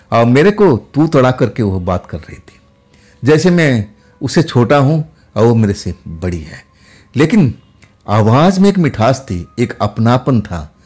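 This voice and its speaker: A man telling a first-person horror story in a steady, conversational way. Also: medium pitch.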